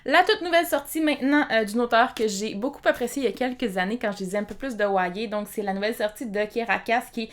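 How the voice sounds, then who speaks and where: A woman's voice: fairly high pitch, quick pace, few pauses. A young woman with a Québécois French accent, chatting casually to camera about books she bought, with many fillers. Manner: chatty, rambling, frequent "euh" fillers. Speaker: book vlogger. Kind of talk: casual book haul vlog.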